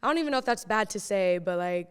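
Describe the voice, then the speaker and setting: A young woman from the Bay Area hosts a podcast, chatting fast through stories from her own life with slang and lots of fillers. Her mid-range voice has lively intonation and a clean tone, followed by a long reverb tail.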